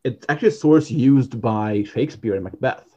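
A man co-hosting a podcast, talking in a loose, rambling way, full of "um" and restarts. His voice is mellow and dark. The recording sounds dull and lo-fi. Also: medium pitch, normal speed. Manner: rambling, with many fillers and restarts. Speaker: podcast co-host. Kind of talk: casual chat.

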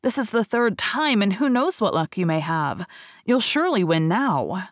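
A woman's voice: medium pitch, very animated, moderate pace, no echo, studio quality, lightly acted. A woman voicing a coaxing young wife in a folk tale.

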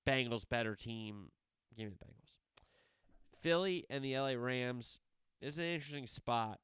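A man's voice: medium pitch, moderate pace, fairly bright tone, clear, resonant tone, dry recording, studio quality. A man hosting a solo sports podcast, previewing games in a rambling way, wandering off on tangents and correcting himself as he talks.

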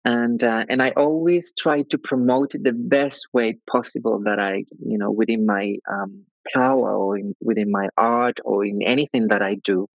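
Colombian-accented man, hesitant and gravelly. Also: medium pitch, fairly even intonation, normal speed, few pauses, dry recording, muffled recording. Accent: Colombian Spanish. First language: Spanish. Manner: hesitant, many restarts and fillers. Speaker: guest. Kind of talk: podcast interview.

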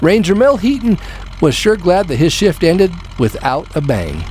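A man's voice: high-pitched, big pitch swings, moderate pace, background noise. A man reading a scripted narrative as a storyteller, with dramatic, folksy phrasing.

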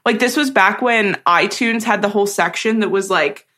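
A woman's voice: medium pitch, moderate pace, pushed and bright. A young woman co-hosting a podcast, telling stories in casual chat with lots of "like". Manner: chatty storyteller, heavy use of "like". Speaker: podcast co-host.

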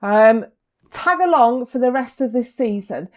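Speaking a little slowly in a slightly high voice, this middle-aged woman co-hosts a wedding podcast as a wedding photographer. Her chat is casual and lively, full of ums.

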